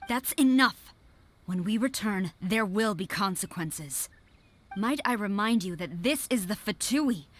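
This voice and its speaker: A strict general, with a mid-range voice and a formal, commanding delivery that leaves no room for argument. Quiet music sits in the background. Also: female voice, mid-range voice, animated, a little slow. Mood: stern. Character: stern military general, proud and disciplined. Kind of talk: game voice acting.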